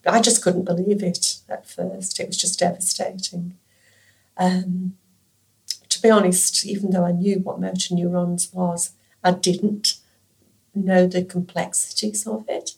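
A low, gravelly woman in her sixties talks in a flat, even tone. She speaks softly and hesitantly, with plenty of fillers, as a retired nurse being interviewed. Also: measured pace. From England. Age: 60s. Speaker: interviewee, former nurse and carer. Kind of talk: conversational interview.

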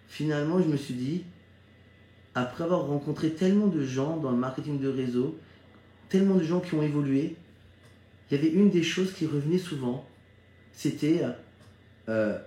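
A middle-aged network marketing leader from Strasbourg, in eastern France, tells the story of his career in an informal motivational talk. His voice is a little high with a warm tone, and he stays conversational, often checking that listeners follow and agree. The room gives the recording an echoey sound.

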